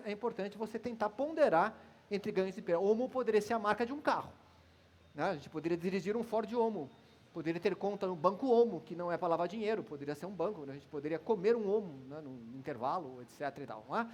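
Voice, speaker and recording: A middle-aged Brazilian man giving an informal, lively marketing lecture, telling stories with examples. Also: high-pitched, fast talker. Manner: conversational, lively storytelling with brand examples.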